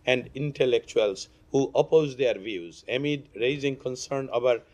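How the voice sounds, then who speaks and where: A hoarse man speaks up from the press seats, his voice nearly gone. He poses long, formal questions in a polite tone. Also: mid-range voice, moderate pace, darkish tone. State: hoarse, lost voice. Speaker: reporter. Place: briefing room.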